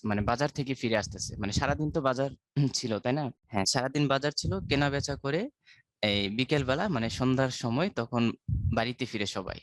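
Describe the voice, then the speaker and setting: A man's voice: medium pitch, no room sound. A man gives an online English lesson, moving through the text one line at a time. His voice sits in a middle register, and the recording is dry and close, with no room sound. He keeps asking his students whether they are following. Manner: explains slowly with repeated check-in questions. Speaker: English teacher. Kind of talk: online class lecture.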